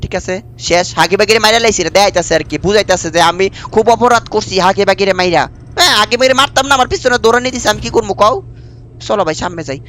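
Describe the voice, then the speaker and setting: A man's voice: sits high, rapid-fire, bright, forceful tone. A young man, chatting casually over a game while his throat is sore from a cold. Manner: chatty, keeps calling the viewer brother. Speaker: gaming streamer. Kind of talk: casual gameplay commentary.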